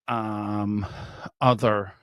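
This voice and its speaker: A man's voice: on the low side, level tone, drawn-out words, clear, resonant tone, no echo. A man hosting a live football watchalong, chatting eagerly with frequent ums, recorded close on a headset mic. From Ireland. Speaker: watchalong host. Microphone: earpiece headset on a live stream.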